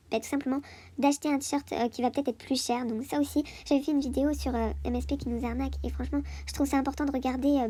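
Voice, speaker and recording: A woman's voice: high-pitched, dark tone. A woman giving a casual voice-over for her video, chatty and full of hesitations and fillers. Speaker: video host.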